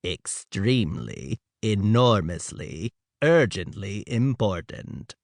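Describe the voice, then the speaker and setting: A man voicing a bubble-headed, bug-eyed male alien who speaks in a slow mechanical monotone. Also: lowish voice, dry recording, clean studio sound, voice pushed down. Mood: grave. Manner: slow, drawn-out emphasis.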